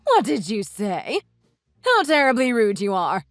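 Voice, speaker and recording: A woman reading the text messages of an older, self-righteous mother-in-law in a slow, scolding way, over soft music. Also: a little high, huge pitch swings, no echo, full character voice. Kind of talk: read-aloud text-message story. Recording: dry voice with soft music underneath.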